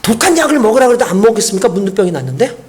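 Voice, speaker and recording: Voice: mid-range voice, very animated, rapid-fire, a little mellow, voice pushed down, lightly acted. A preacher voicing a pleading loyal servant. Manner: pleading, coaxing.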